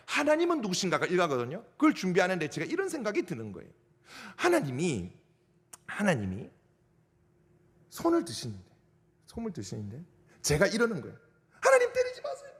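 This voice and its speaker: A male pastor, giving a youth sermon in an animated way and acting out what people say. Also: husky, long reverb tail. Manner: animated, acts out quotes with big pitch swings.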